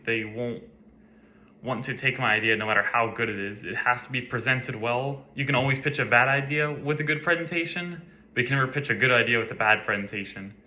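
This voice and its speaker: Young man with a very bright voice. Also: medium pitch. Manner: casual, conversational, with some filler words. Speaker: college student. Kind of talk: recorded class reflection talk.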